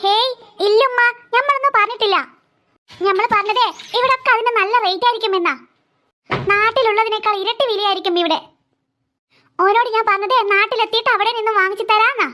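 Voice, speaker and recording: A performer voicing a patient young mother who tries to calm her son and her elder, with a Malabar Malayalam accent. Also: very high-pitched, a little fast, long pauses. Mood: placating. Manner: soothing, placating.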